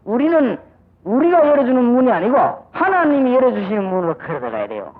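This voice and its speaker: An extremely high pitch and a very animated, quick delivery mark this older pastor's sermon. He is from Busan, South Korea, with a Gyeongsang accent, preaching emphatically in a church sanctuary and acting out little exchanges. The audio is old and dull.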